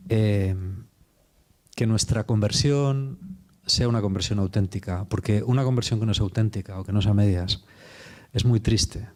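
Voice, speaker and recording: A man's voice: fairly low pitch, warm tone. A man with a Spain Spanish accent preaching a sermon in an informal, chatty storytelling way, with casual slang. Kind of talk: conversational sermon.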